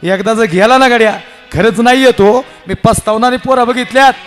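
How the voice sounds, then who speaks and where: A man's voice: extremely high pitch, brisk. A man preaching a devotional kirtan sermon, telling stories with acted dialogue in an impassioned manner. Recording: live hall with reverb and instruments.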